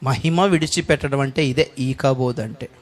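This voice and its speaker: A man preaching a sermon, swinging between loud cries and hushed pleading. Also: mid-range voice, normal speed. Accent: Telugu. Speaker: pastor.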